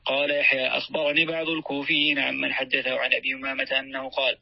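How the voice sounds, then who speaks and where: A man reading a classical Quranic commentary aloud in an even, steady recitation. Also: medium pitch, fast, vocal fry, dry recording. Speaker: student reading the text aloud. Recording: dry, muffled lo-fi recording.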